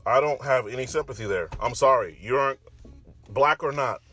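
A man's voice: mid-range voice, fairly quick, bright, forceful tone, husky, soft background music. A man with an American accent and a slight lisp, ranting casually in a blunt, profane, conversational way. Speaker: online commentator. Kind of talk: casual opinionated rant.

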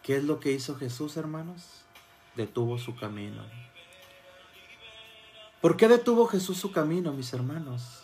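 A man preaching a sermon, dropping to soft murmurs and then rising to loud fervent cries as he calls out to his listeners as brothers. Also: on the high side, lively intonation, normal speed, long pauses, faint music behind.

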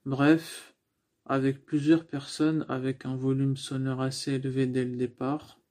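A speaking coach delivers an instructional talk on the voice in communication. His medium-pitched voice is warm but flat, and he speaks a little slowly. He explains step by step, with plenty of fillers and restarts.

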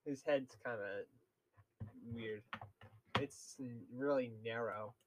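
A man's voice: mid-range voice, takes it slowly, background noise. A young man co-hosting a casual podcast chat, rambling with lots of fillers and laughs. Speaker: podcast co-host.

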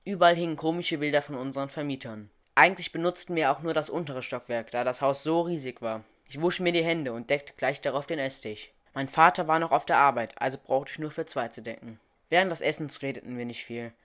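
A man narrating a story chapter aloud, reading lively and raising his voice for the characters. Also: fairly high pitch, a little fast, few pauses. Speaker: audiobook narrator.

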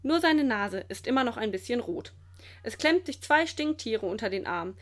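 A woman reading a children's storybook aloud in a lively, clear storytelling manner. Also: on the high side, moderate pace. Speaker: storybook reader.

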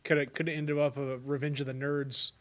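A man's voice: mid-range voice, level tone, a little fast, over a noisy crowd. An American man hosting a casual interview, effusive and jokey, with a rambling way of talking. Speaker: podcast host.

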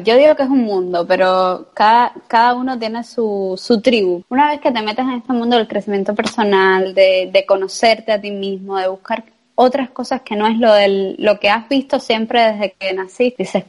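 A woman's voice: mid-range voice, moderate pace, a little mellow. A woman in her forties hosts a podcast interview and talks in a candid, conversational way. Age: 40s. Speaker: podcast host.

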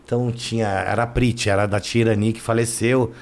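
A man's voice: fairly low pitch, fairly even intonation, a little fast. A man, a guest telling his life story in casual, slangy talk that leans on "né" and "cara". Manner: slangy, keeps adding "né" and "cara". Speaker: interview guest.

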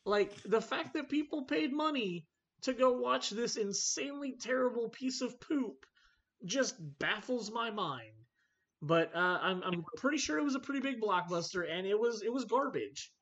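Animated ranting man hosting. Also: very high voice, moderate pace. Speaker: podcast host. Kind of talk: casual movie chat. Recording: slightly dull lo-fi audio.

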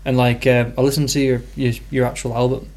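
A man's voice: medium pitch, level tone, fairly quick, darkish tone. Hesitant man in casual chat. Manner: hesitant, many fillers.

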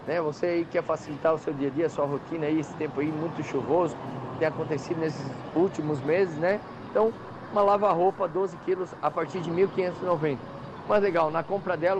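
A man with a southern Brazilian accent giving an insistent hard-sell live ad as a store manager, repeating prices and deals. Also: fairly high pitch. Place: outdoors or storefront by a busy avenue. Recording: dull outside-broadcast line, clear street noise. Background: noisy traffic.

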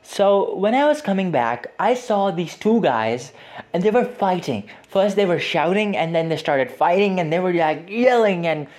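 A man's voice: high-pitched, big pitch swings, normal speed, a little mellow. A young man from Pakistan hosting a casual motivational podcast, chatting in a rambling way with many fillers and restarts. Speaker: podcast host.

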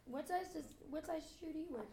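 A teenage girl with a raspy, fairly high voice chats playfully with her classmates. Faint room noise sits under her voice. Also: a little fast, warm tone. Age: teens. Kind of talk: casual chat.

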